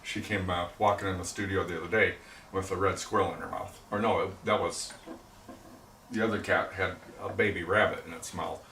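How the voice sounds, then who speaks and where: A man's voice: deep voice, steady tone, brisk, vocal fry. Man, middle-aged, casual studio chat, self-deprecating, echoey room, far from the mic, noisy background. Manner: rambling, self-deprecating jokes. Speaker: potter livestreaming from his studio. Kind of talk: casual livestream chat while working. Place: pottery studio, indoors.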